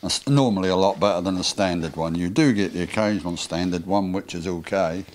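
A man's voice: low voice, a little fast, slight background noise. An older man with a Norfolk English accent, a motorcycle engine builder answering questions briefly in his workshop. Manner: brief, plain-spoken, dialect grammar. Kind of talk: casual workshop interview. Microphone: handheld microphone with windscreen.

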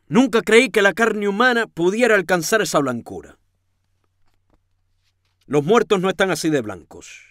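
Male reader, high lively voice, dramatic novel reading, dry close sound. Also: unhurried, long pauses, dry recording. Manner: theatrical, swings from hushed to shouting. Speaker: audiobook reader.

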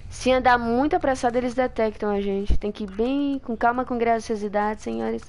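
Playing a video game live, a young Brazilian woman laughs and comments excitedly, shushing her audience in mock drama and mixing English into her Brazilian Portuguese-accented speech. She speaks at a moderate pace in a fairly high pitch over game music.

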